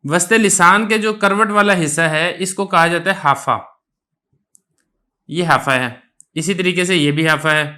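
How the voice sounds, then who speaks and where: Male teacher, somewhat high voice, patient step-by-step religious lesson, answers his own questions. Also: pushed and bright. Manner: sustains a drawn-out letter sound when demonstrating pronunciation. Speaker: Quran recitation teacher.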